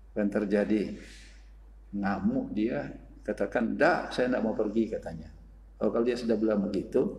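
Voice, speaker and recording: A male pastor preaching a sermon, telling a story with quiet asides and fervent exclamations. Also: lowish voice. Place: church hall. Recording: echoey church hall livestream.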